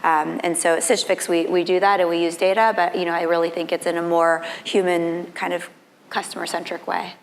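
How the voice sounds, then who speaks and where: Thin, squeaky, nearly lost woman's voice, hall reverb. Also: flat delivery, fairly quick. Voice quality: thin, reedy, raspy. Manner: informal, frequent "like". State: voice almost gone, squeaky. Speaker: panelist, fashion company executive. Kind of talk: conversational panel talk.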